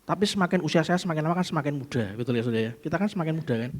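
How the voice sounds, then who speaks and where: A pastor with a Central Javanese accent preaching in a church. His voice sits high for a man, and his delivery is lively, with sudden mock-angry bursts and questions put to the congregation. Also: very fast. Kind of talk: sermon.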